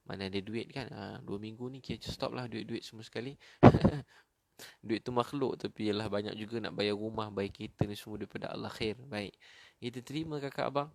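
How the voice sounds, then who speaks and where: A middle-aged Malaysian man preaching gently and consolingly, answering viewer comments in a sermon. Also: on the low side, vocal fry, dry recording. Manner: soft, gentle and consoling, often dropping to a near murmur. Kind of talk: live-streamed sermon reading viewer comments.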